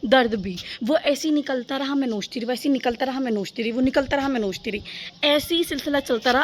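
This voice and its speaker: A woman's voice: a little high, slight background noise. A young woman vlogging into her phone camera on a rooftop, chatty and rambling, often giggling. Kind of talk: casual chat to camera. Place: rooftop outdoors.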